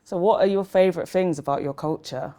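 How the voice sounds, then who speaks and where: A young woman from Nigeria hosting a casual group chat, relaxed and quick to laugh. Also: lowish voice. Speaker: discussion host and rugby player.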